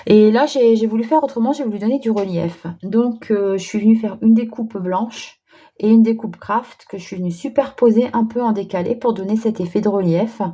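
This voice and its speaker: Chatty French-speaking woman, mellow voice. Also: a little high, a little fast, dull audio. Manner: chatty, hesitant, many fillers and restarts. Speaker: crafting vlogger. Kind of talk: casual craft demonstration.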